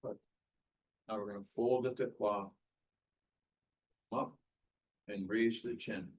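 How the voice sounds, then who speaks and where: A man instructing a qigong class, giving measured step-by-step movement cues in short, spaced phrases. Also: fairly low pitch, fairly even intonation, darkish tone.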